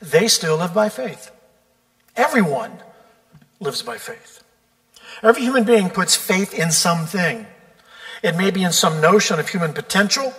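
Preaching a sermon from the pulpit, a pastor speaks in a slightly high, fairly bright voice with lively intonation, taking a measured, deliberate pace and lengthening important words. Long reverb from the sanctuary lingers behind him.

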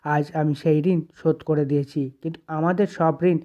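A calm, self-sacrificing husband and elder brother, read by the story's narrator. The lines are gentle and reassuring in a mellow, dark tone. The lo-fi recording sounds dull. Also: male voice, a little high, moderate pace, lightly acted.

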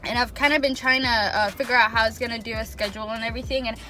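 A young woman vlogging from a room at home, chatting casually and expressively to her viewers with lots of fillers. Her voice sits a little high and has a sharp, bright edge. Faint music plays underneath. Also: steady tone, racing. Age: young adult. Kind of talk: casual chat to camera.

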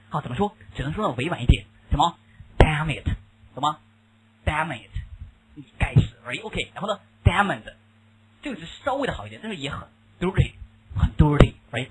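A man's voice: fairly high pitch, rough recording. A man teaching an English lesson in Mandarin Chinese, mixing in English words and often asking the class questions, with a Mandarin Chinese accent. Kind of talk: classroom lecture.

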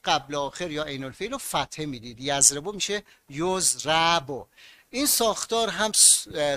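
A man with a Mashhad accent teaching grammar in an online class. He explains each rule patiently and puts questions to his students, then answers them himself. His voice is bright and a little high, and the recording is dry and close. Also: no room sound.

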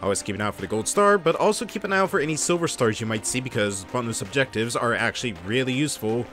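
Animated man doing casual game commentary. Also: mid-range voice, fast talker, faint music behind. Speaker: let's play host. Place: voice-over recorded apart from the game.

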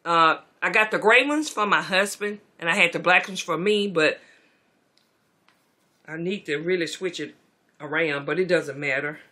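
A middle-aged beauty vlogger with a lowish voice talks at a normal pace, chatting casually to viewers as she tidies her beauty room. She's relaxed and chatty, calling her audience "y'all," and she's filmed in a bedroom on a camera mic that moves around.

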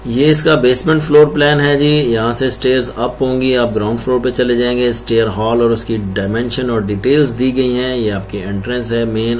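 A man's voice: mid-range voice, a little hiss or hum. A man presenting and explaining house floor plans room by room, as an architect would. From Pakistan. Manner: explanatory, lists rooms one by one. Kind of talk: screen-recorded floor plan walkthrough.

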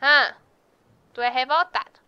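Woman, high voice, bright tone, casual gameplay chatter. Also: a little slow, clear, resonant tone, no echo, lo-fi sound. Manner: chatty, teasing the game characters. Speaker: gameplay youtuber.

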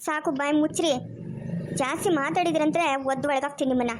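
A woman's voice: sits high, fairly even intonation, fast, a little hiss or hum, natural voice. A woman, playing a stern police officer who gives commands in an amateur family drama.

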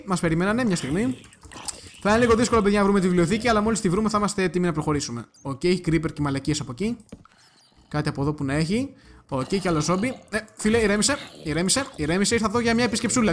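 A young man hosting a gaming channel, giving chatty let's-play commentary, talking to his viewers and breaking into excited yelps. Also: high voice, slight background noise.

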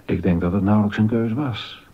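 In a historical radio drama, a man with a husky, fairly low voice portrays a court composer and husband who is troubled and let down. He speaks a little fast and sounds disillusioned, and the recording is muffled.

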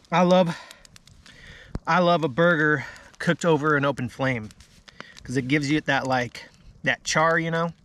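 This man, an outdoor vlogger in his thirties, chats casually to camera while enjoying food at a snowy campsite after dark. His pitch is on the high side and a bit bright, and a slight hiss or hum can be heard.

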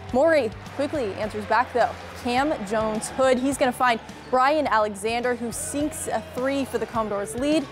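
A young woman delivers scripted sports highlights with an upbeat, punchy rhythm. Her voice sits somewhat high. A faint music bed plays under her in the studio. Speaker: sports reporter. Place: TV news studio.

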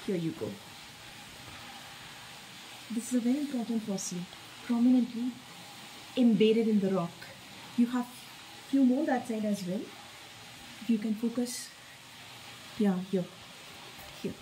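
A woman's voice: on the high side, a little slow, long pauses, mellow, a little hiss or hum, low-quality recording. A woman guiding viewers through a limestone cave, informally pointing out rock features as she films on a phone. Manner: informal explaining, pointing things out. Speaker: cave tour vlogger. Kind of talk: on-the-spot guided explanation.

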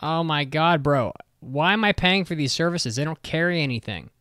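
A man's voice: on the high side, animated, moderate pace, a bit bright, clean tone, no room sound, clean studio sound. A man co-hosting a podcast, joking crudely and swearing in casual chat. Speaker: podcast co-host.

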